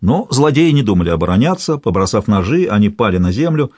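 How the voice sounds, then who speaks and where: A man narrating a historical novel in steady scripted storytelling. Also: on the low side, fast talker, breathy edge, dry recording. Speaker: audiobook narrator.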